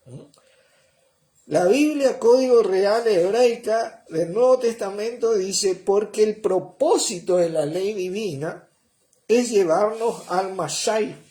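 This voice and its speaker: A man preaching a sermon in a slow, explanatory way, often checking on his listeners with a quick "¿eh?" or "¿mm?". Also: high-pitched, warm tone.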